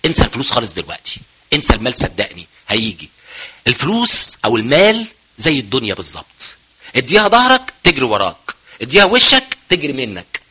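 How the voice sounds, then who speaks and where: Fast, bright Egyptian man lecturing. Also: medium pitch, huge pitch swings, slightly rough. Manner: joking, mixes English terms, asks and answers himself. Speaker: physiology professor giving a talk. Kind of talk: lively lecture to medical students.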